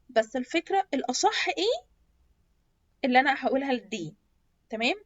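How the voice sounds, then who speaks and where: A woman with an Egyptian Arabic accent teaching English pronunciation in an online lesson, drilling lists of English words and stretching them out slowly. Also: sits high, highs cut off.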